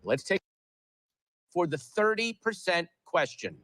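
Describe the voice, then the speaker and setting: A man's voice: sits high, sing-song, unhurried, a bit bright, dry recording, studio quality. A man hosting a television quiz show, reading questions and teasing contestants playfully. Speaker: game show host.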